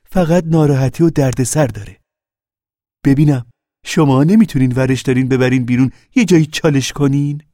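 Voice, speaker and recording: A man's voice: mid-range voice, dark tone, no echo, studio quality, voice pushed up, lightly acted. A man voicing a stern, weary middle-aged farm woman who speaks firmly.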